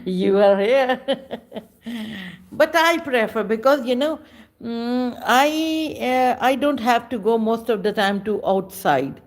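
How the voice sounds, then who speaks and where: A woman, chatting casually with viewers on a livestream in slow, halting speech with many pauses. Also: fairly high pitch. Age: 50s. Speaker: livestream host. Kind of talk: casual live chat with viewers.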